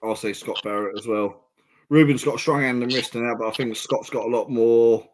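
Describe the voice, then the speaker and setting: A man co-hosting a casual podcast, briskly reading out fixtures and giving his picks. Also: medium pitch, steady tone. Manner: brisk, reads out fixtures with "right, number ...". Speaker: podcast co-host reading out match list. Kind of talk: casual chat making match predictions.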